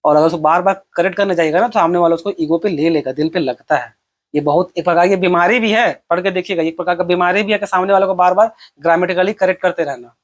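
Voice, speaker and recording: A man's voice: sits high, quick pace. A male teacher talks through an exam-prep lesson in a loose, conversational way. He keeps posing questions to the class and answering them himself. English technical terms run through his explanations.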